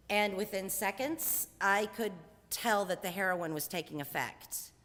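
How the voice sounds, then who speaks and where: A woman's voice: medium pitch, a bit bright, big-room sound. A woman in her forties telling a candid, wryly humorous personal story on stage.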